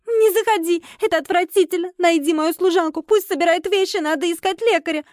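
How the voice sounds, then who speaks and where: A woman's voice: very high-pitched, lively intonation, a little slow, darkish tone, dry recording, studio quality, pitched above the performer's own voice. A woman voicing an arrogant young noble lady who sobs and hisses in anger. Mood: hysterical. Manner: sobbing, hissing with rage.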